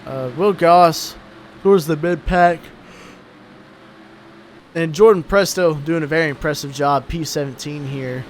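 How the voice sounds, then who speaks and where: A man's voice: fairly high pitch, unhurried, pauses often, a little hiss or hum. A young man giving casual, laid-back commentary on a sim truck race, sounding tired between calls.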